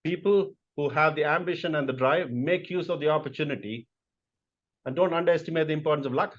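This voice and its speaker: A middle-aged man speaks emphatically, driving his points home with repetition. His voice sits a little high. The recording sounds somewhat dull and lo-fi. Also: brisk. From India. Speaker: interview guest, corporate executive. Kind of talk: interview answers.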